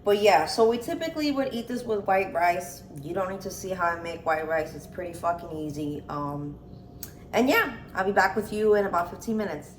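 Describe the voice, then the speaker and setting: A woman's voice: fairly low pitch, animated, fairly quick, reverberant, a little hiss or hum, low-quality recording. A woman in her thirties chatting casually as she cooks in a home kitchen, swearing freely and talking candidly. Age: 30s. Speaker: cooking vlogger. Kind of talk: casual cooking chat.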